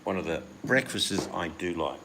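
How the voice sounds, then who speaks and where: A man's voice: low voice, expressive, normal speed, background noise. A man from the United Kingdom chatting casually and rambling as host, acting out the voices he quotes. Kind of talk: casual chat.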